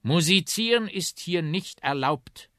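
A man's voice: on the high side, lively intonation, a little slow, sharp tone, no room sound, clean studio sound, voice pushed up. A man voicing a stern, curt police officer in a children's radio story. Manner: strict, curt questioning.

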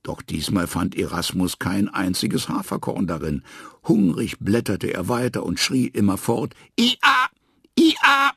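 A man reading a children's story aloud in an expressive, lively way. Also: deep voice, unhurried, vocal fry, slightly rough, no echo, clean studio sound.

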